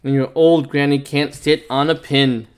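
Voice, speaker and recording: A man voicing a rude, grumpy male little pig in a storybook, snapping loudly. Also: on the high side, flat delivery, moderate pace, smooth, lightly acted.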